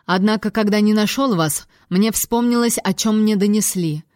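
A woman's voice: medium pitch, normal speed, darkish tone, no echo, clean studio sound, close to an everyday voice. A woman voicing a stern young king. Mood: curt.

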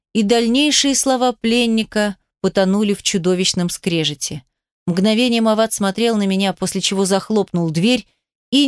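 A woman reads a novel aloud in a measured, even narrating voice. Her pitch sits in the middle, and the recording is close and dry with no room sound. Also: smooth, no room sound. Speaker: audiobook narrator. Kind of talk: scripted narration.

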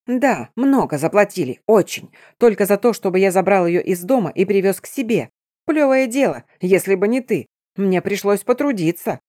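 A woman's voice: medium pitch, lively intonation, moderate pace, warm tone, dry recording, studio quality, close to an everyday voice. A woman voicing a terrified, grovelling man who shrieks and pleads. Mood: angry.

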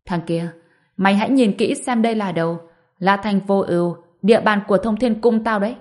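A woman's voice: medium pitch, a little fast, lightly acted. A woman reading an arrogant spoiled young man in an audiobook, insolent and blustering. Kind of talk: audiobook narration.

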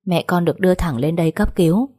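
Sad middle-aged dad in a storybook, read by a woman, low dark voice, kinda husky, even delivery. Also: quick pace, lightly acted. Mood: grave. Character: grieving middle-aged father, steady and sorrowful.

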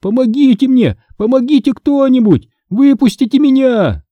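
A man voicing a terrified twelve-year-old boy with shrill, pleading cries, recorded dry and close. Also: very animated, measured pace, no echo, lo-fi sound, full character voice. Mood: panicked.

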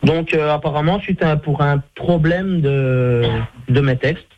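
A man's voice: a little high, unhurried, no room sound. Hesitant Belgian man on the phone. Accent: Belgian French. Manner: polite, hesitant, with many fillers. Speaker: prank call victim, amateur rapper. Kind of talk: phone conversation. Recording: muffled phone line.

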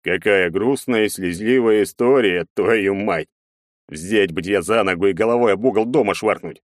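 A furious, brutal young nobleman growls his threats in a rough, menacing voice, as a man acts him out. His tone sits fairly low. The recording is dry and close. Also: normal speed, no room sound, close to an everyday voice.

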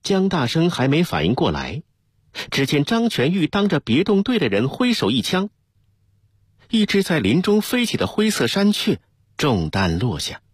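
Expressive male radio storyteller. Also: a little high, normal speed, husky, no echo, clean studio sound. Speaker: narrator. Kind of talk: serialized novel reading on radio.

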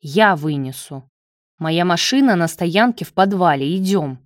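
A woman's voice: lowish voice, expressive, measured pace, no room sound, clean studio sound. A woman reading a terse, commanding young man. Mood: urgent. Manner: terse, urgent orders.

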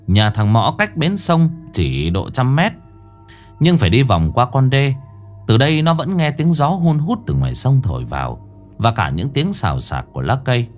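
A man's voice: medium pitch, very animated, moderate pace, faint music behind. A man narrating a ghost story in a dramatic, suspenseful way.

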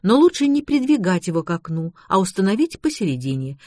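A woman's voice: mid-range voice, big pitch swings, brisk, a little mellow, dry recording, clean studio sound. A woman reading the lines of an exasperated, patient middle-aged man in her own voice.

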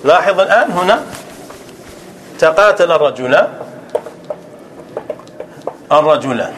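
A man's voice: on the high side, lively intonation, unhurried, a bit bright, a little hiss or hum. A male scholar teaching a classroom grammar lesson, repeating example sentences and quizzing his listeners as he explains.

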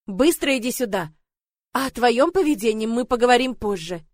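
A woman reading a storybook voices an angry, stern male lord who shouts commands at his daughter and her nanny. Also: a little high, animated, a little fast, dry recording. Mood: angry commanding.

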